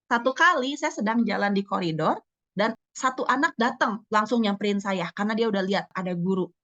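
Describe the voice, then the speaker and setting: A woman's voice: medium pitch, brisk, fairly bright tone, dry recording. A woman teacher giving a seminar talk, acting out children's voices as she tells stories. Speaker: teacher and speaker. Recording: dull lo-fi sound.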